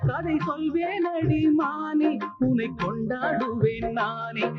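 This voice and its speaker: A man's voice: very high voice, little pitch movement, slow pace. A man singing a tender romantic song from an old film, with orchestral backing. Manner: sung, tender. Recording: dull old film soundtrack. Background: loud orchestral film music.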